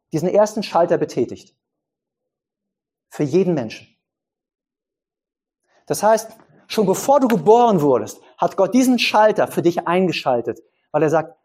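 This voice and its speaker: A man preaching a sermon who puts questions to his congregation and explains his points with simple images. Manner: pitch swings up for emphasis and drops low for quiet points.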